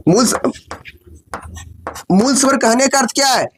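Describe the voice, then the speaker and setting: A man teaching a coaching class, firing questions at his students, answering them himself and repeating phrases slowly while dictating. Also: very high voice, background noise. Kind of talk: classroom lesson with call-and-response.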